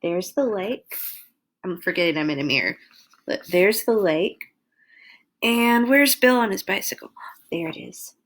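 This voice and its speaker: Hosting a read-along, a lively woman reads a children's picture book with animated, exaggerated emphasis for little ones. Her voice sits in the mid range, and she keeps a measured pace with long pauses.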